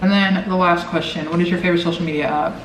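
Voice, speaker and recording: Fast and fairly bright, this young man's voice sits high with fairly even intonation. He's an eighteen-year-old vlogger from Omaha, Nebraska, with an American accent, rambling informally to camera and using "like" a lot. Sound comes from a distant mic in a noisy, echoey room.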